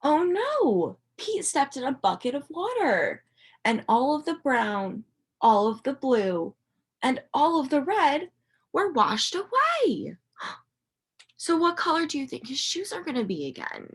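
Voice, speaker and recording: A teacherly woman reads aloud from a picture book to young children, expressive and questioning. Dramatic emphasis and pauses fill her animated storytelling, her slightly husky voice sits high, and she engages the kids by asking questions.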